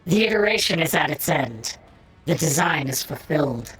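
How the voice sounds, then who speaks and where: An actor playing a wounded, delirious cyborg priest who speaks in slow, solemn riddles in a video game. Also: male voice, fairly high pitch, animated, fairly bright tone, breathy edge, soft background music, full character voice, poor audio. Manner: slow, solemn, prophetic speech.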